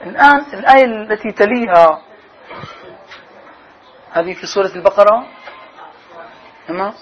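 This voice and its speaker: A man's voice: sits high, lively intonation, normal speed, faint music behind. A man teaching a grammar lesson to a class, often questioning his students and stretching out key words. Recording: dull lo-fi classroom recording.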